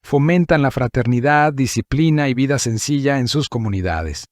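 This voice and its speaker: A man giving a scripted narration, reading through points in a measured, list-like way. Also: medium pitch, dry recording, clean studio sound.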